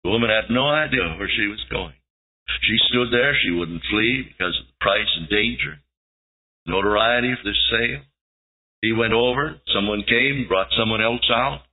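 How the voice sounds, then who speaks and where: Male preacher, husky voice, dramatic storytelling sermon, phone-thin old tape sound. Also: fairly low pitch, moderate pace. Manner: dramatic retelling, rising to emphatic peaks. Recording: tinny lo-fi tape recording.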